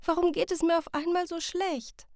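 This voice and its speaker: Eine Frau spricht ein ängstliches, neugieriges Kind. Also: female voice, steady tone, normal speed, darkish tone, no room sound, studio quality. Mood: distressed. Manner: high, plaintive, questioning. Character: anxious, curious young child.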